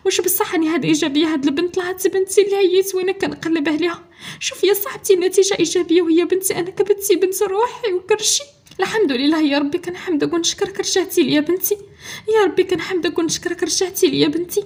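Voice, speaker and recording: A woman voicing a tearful Moroccan mother, high and pleading. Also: rapid-fire, a little mellow, breathy edge. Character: anxious middle-aged mother finding lost daughter.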